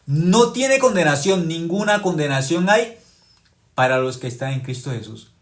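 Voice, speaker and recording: A man preaching a sermon with forceful rising stresses that drop to hushed low tones and drawn-out key words. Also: expressive. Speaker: pastor.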